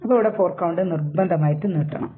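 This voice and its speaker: Guy teaching quran recitation, high voice, goes slow and stretches the arabic, tinny phone-line sound. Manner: explains step by step, slowly stretching out Arabic recitation. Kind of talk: Quran recitation and tajweed lesson.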